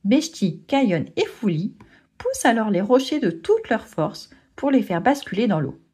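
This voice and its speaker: Husky woman reading a children's story. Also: on the high side, a little slow. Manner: expressive children's narration. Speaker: narrator.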